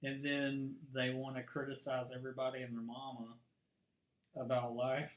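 A man's voice: medium pitch, monotone, normal speed, reverberant, poor audio. A young man co-hosting a casual faith podcast, joking around with friendly slang and frequent laughs. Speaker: podcast co-host.

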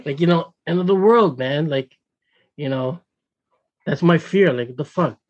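Chill guy, higher breathy voice, super slow drawl. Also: muffled recording. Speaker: guest. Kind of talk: casual group chat.

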